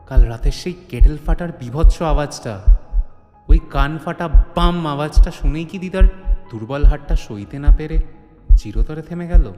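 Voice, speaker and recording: A man with a medium-pitched voice narrates an audio drama as a suspenseful, theatrical storyteller. The audio is dull and echoey with long reverb, and music plays behind him.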